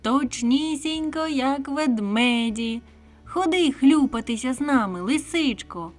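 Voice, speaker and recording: A boisterous little squirrel and her forest pals, put on by a woman reader, shouting with excitement. The voice is pitched high and loud, drawn out slowly for a bedtime story, with faint music underneath. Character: noisy playful young forest animals, squirrel among them.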